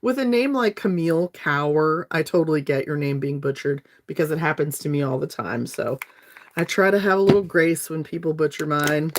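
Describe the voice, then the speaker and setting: A woman's voice: deep voice, normal speed, slight background noise. A woman. She chats casually with viewers on a makeup livestream and has a slight lingering cough. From North Alabama, USA. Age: 50s. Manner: chatty and friendly, talking straight to viewers. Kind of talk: casual livestream chat while doing makeup.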